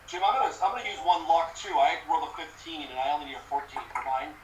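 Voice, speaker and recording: A man playing a tabletop game, asking eager quick questions. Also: a little high, echoey room, distant mic, a little hiss or hum, low-quality recording. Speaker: player.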